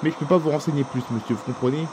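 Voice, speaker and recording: A man's voice: fairly high pitch, racing, background noise, close to an everyday voice. A man voicing an apologetic flight attendant in a homemade toy-figure film, stumbling over polite apologies. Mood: flustered.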